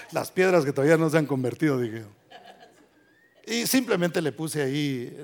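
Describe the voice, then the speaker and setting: A male pastor preaching a sermon, building to loud emphatic passages and reading scripture slowly and solemnly. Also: on the high side.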